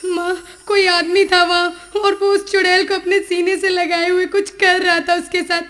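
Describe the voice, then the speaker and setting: A woman's voice: very high-pitched, little pitch movement, moderate pace, a bit bright. A young woman playing a cruel, scheming sister-in-law who snarls threats in a rural film. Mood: fake tearful. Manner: snarling threats, fake tearful whining. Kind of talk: rural Hindi film acting.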